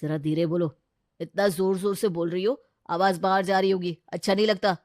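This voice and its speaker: A woman voicing a sulky, resigned young man in a cartoon who talks in a flat, sullen way. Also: on the low side, moderate pace, no room sound, studio quality, natural voice.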